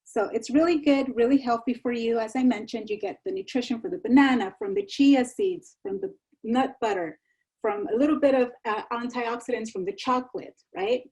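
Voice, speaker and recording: A woman's voice: a little high, normal speed, a little mellow. A woman giving a live online cooking demonstration in a chatty, reassuring way over a video call. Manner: chatty, reassuring, repeats herself. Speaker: enrichment instructor.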